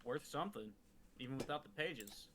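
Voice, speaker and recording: A young man playing a tabletop game online, joking and asking the game master quick questions. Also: mid-range voice, expressive, background noise. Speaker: player. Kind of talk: casual game chat.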